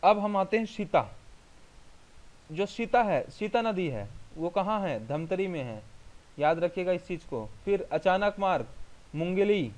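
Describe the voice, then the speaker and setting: Man, high voice, teacher, slide lecture, repeats mnemonics slowly. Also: very animated, a little mellow, poor audio. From India. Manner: drills memory tricks, slow and emphatic repetitions. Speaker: exam coaching teacher. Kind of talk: slide lecture for exam revision.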